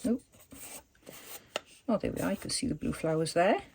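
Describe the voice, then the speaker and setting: A woman's voice: lowish voice, lively intonation, moderate pace, gravelly, a little mellow, a little hiss or hum. A woman chatting casually at her home craft desk, rambling and thinking aloud with lots of fillers as she works on a journal page.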